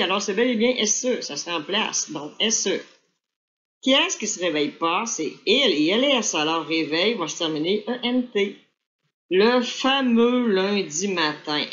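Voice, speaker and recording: A woman's voice: medium pitch, fairly bright tone. A woman teacher, reading a dictation aloud and then correcting it, spelling words out letter by letter. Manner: slow, deliberate dictation pace. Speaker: French teacher. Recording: dull lo-fi recording.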